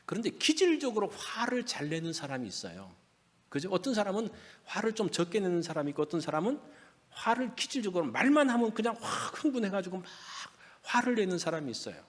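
A man's voice: high-pitched, wildly swooping pitch, brisk. Pastor guy in a church sanctuary, big echoey hall, talks to the congregation like a chat. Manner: conversational preaching, asks the congregation questions. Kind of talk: sermon. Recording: long reverb of a church hall.

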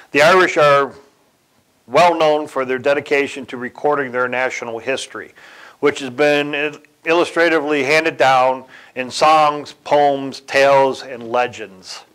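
A man giving a sermon in a deliberate way, pausing, correcting himself and chuckling now and then. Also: mid-range voice, fairly bright tone, smooth, low-quality recording. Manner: slow, deliberate delivery with occasional chuckles and self-corrections. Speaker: church speaker.

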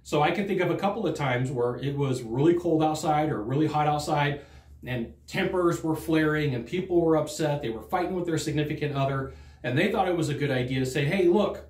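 Standing at a desk in front of a green screen, a middle-aged sales trainer talks to a fixed camera in a somewhat echoey studio. His pitch is fairly high and his pace a little fast, and he animates the lesson by voicing customers' lines conversationally.

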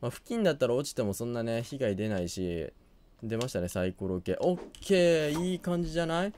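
A hoarse man giving quiet, low-key commentary on a game he is playing, muttering to himself as he goes. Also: expressive, fairly quick, a little hiss or hum. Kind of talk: quiet let's-play commentary.

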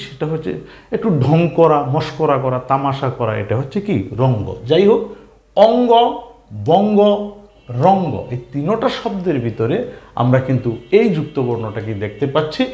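A man's voice: a little high, warm tone. A man teaching beginners to read, patiently spelling out letters and syllables, repeating each one and asking questions as he goes. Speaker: Bengali reading teacher. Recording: roomy echo.

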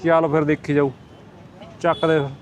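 A man's voice: on the high side, level tone, normal speed. A man giving casual running commentary as a travel vlogger out on the road. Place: outdoors and on the road. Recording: clear outdoor traffic noise.

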